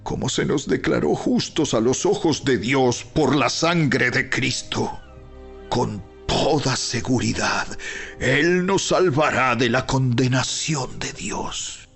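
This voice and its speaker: A man reading dramatized Bible narration in a solemn, deliberate, emphatic way, with weighty pauses and a gravelly, husky voice. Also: medium pitch, a bit bright. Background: background music.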